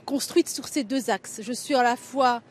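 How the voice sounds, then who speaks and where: A middle-aged woman from Belgium answers an interviewer's questions. Her voice sits a little high, and she often hesitates and restarts her sentences as she thinks. A faint hiss of noise runs underneath. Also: measured pace. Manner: thoughtful, many hesitations and restarts. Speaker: writer and local election candidate.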